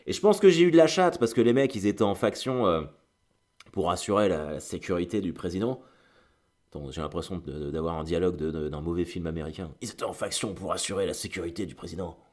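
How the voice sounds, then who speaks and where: A man telling a long casual story to his audience, digressive and full of fillers, switching into quick acted dialogue. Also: deep voice, a little mellow. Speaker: host.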